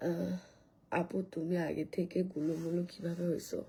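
A woman chats loosely on a live stream, hoarse from coughing. Her voice is low, husky and dark, and she rambles and restarts often. She talks close into a phone. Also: little pitch movement, moderate pace, low-quality recording. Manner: rambling, restarts a lot, reads commenters' names aloud. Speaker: live streamer selling skin care. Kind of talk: casual live-stream chat answering viewer comments.

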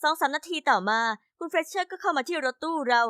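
A woman reading a first-person animated life story in an even, steady way. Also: sits high, fast, no room sound, clean studio sound. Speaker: narrator voicing all characters. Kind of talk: scripted storybook narration.

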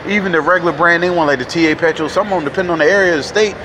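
A man from North Carolina, a truck driver casually vlogging to viewers in an animated, folksy way. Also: on the high side, very fast, noisy background. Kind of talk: casual vlog talk to viewers. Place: truck stop, indoors and outdoors in the lot.

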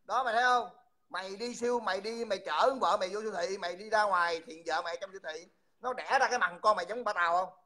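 Man, bright voice, mocking and insulting, repeats himself, livestream host. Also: high-pitched, fast. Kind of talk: heated livestream taunting.

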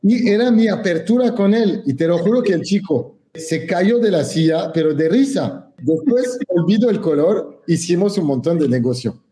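A man from France, a native French speaker, tells stories as an interview guest. His voice is mellow and a little high for a man, and he is animated and often jokes. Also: normal speed, few pauses. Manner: animated, joking, laughs while telling stories. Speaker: podcast guest. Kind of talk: casual interview storytelling.

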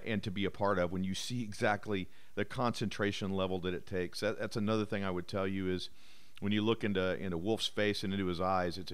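Male pilot narrator, lowish voice, clear and smooth, relaxed explainer with "uh" fillers. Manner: easygoing, explanatory, frequent "uh" fillers. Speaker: bomber pilot narrating his flight footage. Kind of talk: voice-over commentary.

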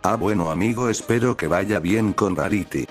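A caring tomboy pegasus mare from a storybook fan tale, read by a man. The voice stays low and deep with slow, drawn-out words. Faint music plays underneath. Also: natural voice. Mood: friendly. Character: brash tomboy female pegasus pony, caring friend. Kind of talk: reading fan fiction aloud.

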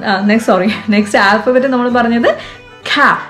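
A woman with a Malayali accent hosts a vlog teaching French to kids, chatty and coaxing as she asks the viewer questions in a casual lesson. Her voice is a little high and fairly bright, at a moderate pace, with soft background music.

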